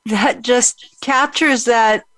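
A woman hosting a casual interview, her voice sitting somewhat high. She talks reflectively, often restarting her sentences. The sound is dry and close. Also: slow pace, fairly bright tone, dry recording.

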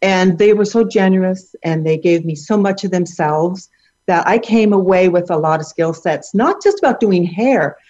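A woman's voice: lowish voice, a little mellow. A middle-aged woman answering as an interview guest, upbeat and laughing lightly as she talks. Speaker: guest, hair educator. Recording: dull lo-fi audio.

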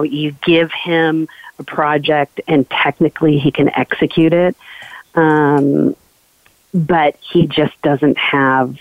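A woman's voice: deep voice, no echo. A woman calling in to a radio show over a phone line, asking her question hesitantly with many ums and restarts. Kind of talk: casual call-in question. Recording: tinny dry phone line.

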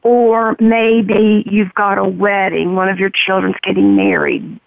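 A woman with a gravelly, froggy, medication-roughened voice gives a candid, reflective personal account as an interview guest, in halting phrases. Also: mid-range voice, fairly even intonation, dry recording. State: voice roughened by morphine. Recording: narrow, tinny phone-line sound.

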